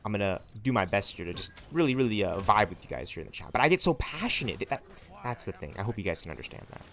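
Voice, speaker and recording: A man's voice: on the low side, big pitch swings, fast talker, gravelly, a bit bright, a little hiss or hum. A man in his twenties streaming a game and rambling passionately to his chat, tagging lines with "right?" and "you know what I'm saying?". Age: 20s. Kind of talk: livestream chat with viewers.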